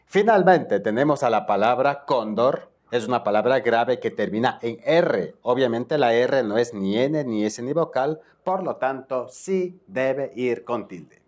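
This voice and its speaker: A man's voice: mid-range voice, expressive, measured pace, few pauses, a little mellow. A man from Ecuador teaching spelling in a video tutorial, explaining each rule step by step and often checking in with his viewers.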